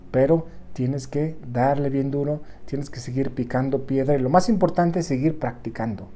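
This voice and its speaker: Man, Mexican accent, warm mellow tone, casual motivational monologue, keeps asking "right?". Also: mid-range voice, normal speed, slight background noise. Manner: keeps adding a questioning "right?" tag; encouraging, talks straight to the viewer. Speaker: motivational vlogger.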